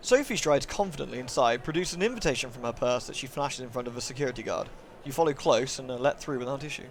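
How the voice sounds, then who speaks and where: A man with a creaky, medium-pitched, expressive voice talks quickly on a livestream. He's reading a visual novel aloud, breaking from the narration for polite chat thanking his viewers.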